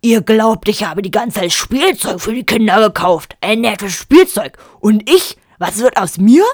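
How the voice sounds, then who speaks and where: A woman voicing a grumpy, blustering opera-singer father who booms with indignation. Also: expressive, a little slow, slightly rough, no echo, studio quality. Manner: booming, indignant.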